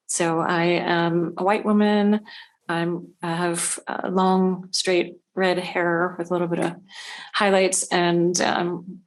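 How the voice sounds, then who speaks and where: A woman hosting a podcast, upbeat in a scripted intro and relaxed when chatting with guests. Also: on the low side. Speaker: podcast host.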